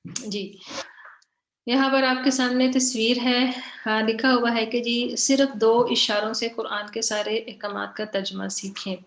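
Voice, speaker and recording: In an online lesson, a woman teaches Quranic grammar, explaining her slides in a fairly high voice with fairly even intonation. She repeats her points often, checks in with "theek hai," and reads example words slowly and drawn out. The sound is reverberant.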